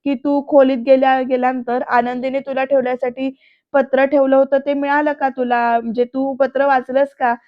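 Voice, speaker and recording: A woman's voice: high-pitched, little pitch movement, normal speed, dry recording, dull audio, close to an everyday voice. A woman voicing a defiant young woman employee who snaps back at her boss. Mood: indignant. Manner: indignant, retorting.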